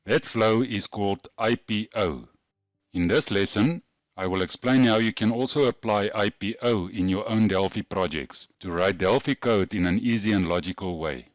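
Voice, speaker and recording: A man's voice: fairly low pitch, normal speed, dry recording. A man with a broad Afrikaans South African accent, narrating a scripted programming lesson in a methodical, instructional way. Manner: methodical, instructional, carefully explained. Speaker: programming tutorial host.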